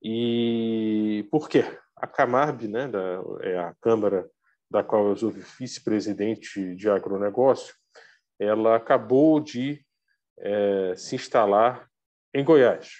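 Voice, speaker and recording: A Brazilian man giving an informal talk on a video call, speaking through a face mask, halting as he searches for words. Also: lowish voice, darkish tone, dull audio. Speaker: guest speaker, arbitrator.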